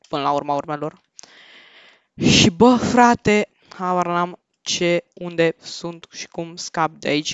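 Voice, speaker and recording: A young Romanian man giving excitable, slangy commentary while playing Minecraft, panicking and repeating no over and over. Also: on the high side, smooth, no echo. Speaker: Minecraft gaming YouTuber. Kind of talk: casual gameplay commentary. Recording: dull lo-fi home mic.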